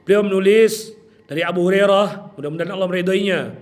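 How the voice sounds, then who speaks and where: A man preaching a religious study session, lively and joking, often addressing his listeners directly. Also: high-pitched, fast talker. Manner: lively, jokey, keeps addressing listeners with "Pak". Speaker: Islamic preacher. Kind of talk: sermon.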